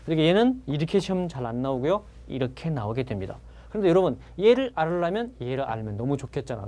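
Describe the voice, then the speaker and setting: Lively Korean man teaching vocabulary. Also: a little high. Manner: asks students questions, repeats key words. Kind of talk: exam-prep vocabulary lecture.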